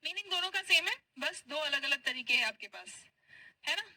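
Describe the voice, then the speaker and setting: A woman teaching spoken English, patiently drilling short phrases and repeating them slowly. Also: high voice, lively intonation, bright, forceful tone, no echo, low-quality recording. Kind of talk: spoken English class for Hindi speakers.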